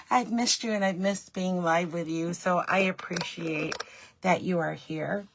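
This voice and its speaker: A middle-aged woman with a slightly raspy, scratchy, lowish voice takes things slowly while hosting a live craft tutorial from her home craft room. She chats as she demonstrates and greets viewers by name.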